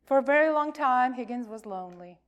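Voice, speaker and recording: On a lo-fi recording, a woman with a high, expressive voice reads a children's tale to a congregation, emphasizing words and pausing deliberately.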